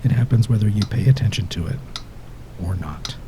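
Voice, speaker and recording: Against steady background noise of low rumbling and a clock-like tick, a male narrator leads a guided sleep hypnosis. He speaks in short, soothing phrases with pauses between them, at a measured pace, and his endings drop gently toward a whisper.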